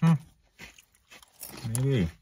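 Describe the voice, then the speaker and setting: A man's voice: drawn-out words, mellow. A man in his thirties casually co-hosting a snack review in a parked car, crude and joking, crunching chips between remarks. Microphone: camera on dashboard, a little away. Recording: slightly distant, faint noise, bag crinkling.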